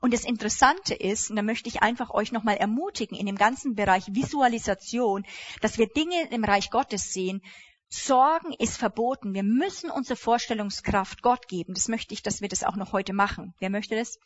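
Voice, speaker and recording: Animated woman preacher, dull lo-fi sound. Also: on the high side, moderate pace. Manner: animated, emphatic, acts out quoted speech. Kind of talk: sermon.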